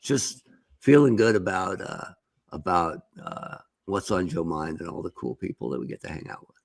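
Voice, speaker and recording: A wry man co-hosting a casual podcast, his low voice gravelly with fry. His pitch swings widely as he jokes. The sound is dry and close. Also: big pitch swings, moderate pace, dry recording. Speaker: podcast co-host.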